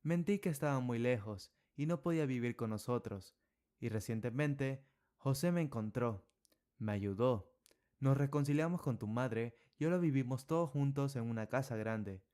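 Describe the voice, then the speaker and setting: A man's voice: mid-range voice, expressive, normal speed, warm tone, smooth, lightly acted. A man voicing a regretful young single mother confessing her past, in a storybook. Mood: confessional.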